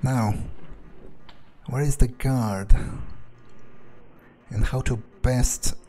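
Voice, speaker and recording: Speaking extremely slowly, this gamer mulls over his character's thoughts aloud with fairly even intonation, hesitating and cursing under his breath. His voice sits at medium pitch with a dark tone, and a little hiss or hum runs under the recording.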